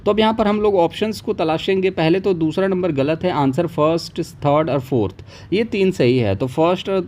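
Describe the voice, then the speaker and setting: Young guy teaching exam prep online, chatty, slightly high voice, keeps checking in. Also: moderate pace, darkish tone, a little hiss or hum. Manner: chatty, repeats "ठीक है" often. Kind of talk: casual online lesson.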